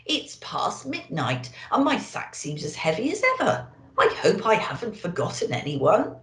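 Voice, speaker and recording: A man's voice: sits high, sing-song, moderate pace, fairly bright tone. Woman putting on a hearty, jolly Santa, echoey room. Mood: weary. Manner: cheerful, exclaiming. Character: jolly, hearty, reassuring old Santa Claus.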